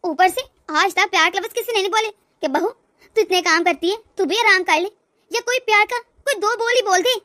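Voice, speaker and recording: Meek young cartoon bride, woman voicing, high voice, dry sound. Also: normal speed, no echo. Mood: hurt. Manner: polite, complaining softly. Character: put-upon patient young daughter-in-law. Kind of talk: cartoon voice acting.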